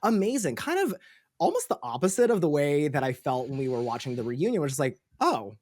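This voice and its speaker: A man's voice: on the high side, big pitch swings, quick pace, a little mellow. A man co-hosting a casual podcast chat, campy and effusive, stressing his words emphatically. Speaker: podcast co-host.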